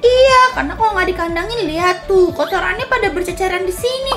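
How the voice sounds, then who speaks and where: A calm schoolgirl who keeps the goats, as a woman puts her on, speaking lower and softer while she explains. Music runs clearly in the background. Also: fast. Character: calm young schoolgirl farm owner.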